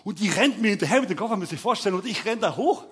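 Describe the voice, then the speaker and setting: A young man delivers a sermon as a lively story. His voice sits high and swings widely, and it has a husky edge. He acts out the scenes and sometimes breaks into shouts. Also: rapid-fire. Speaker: preacher.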